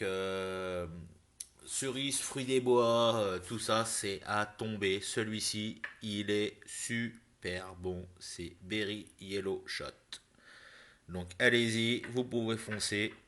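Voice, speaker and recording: A man's voice: on the low side, bright, forceful tone. A man giving a casual product review to his viewers, hesitant with lots of fillers and restarts, but enthusiastic when recommending. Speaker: vlogger reviewing e-liquids.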